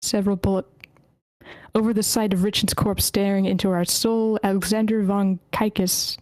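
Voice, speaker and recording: At an online table read, heard through a computer microphone, a woman with a flat, even, mid-pitched voice reads the scene directions at a moderate, steady pace. Character names occasionally trip her up; the sound is close, dry, and echo-free.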